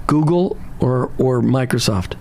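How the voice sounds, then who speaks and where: A man hosting a casual interview, chatty and quick to joke and laugh. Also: medium pitch, gravelly, darkish tone, a little hiss or hum. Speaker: host.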